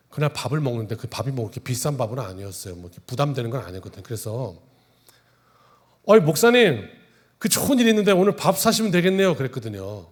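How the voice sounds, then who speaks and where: A man's voice: lowish voice, darkish tone, breathy edge. A male pastor preaching a sermon in a church, talking conversationally and joking with the congregation through role-play. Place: church sanctuary.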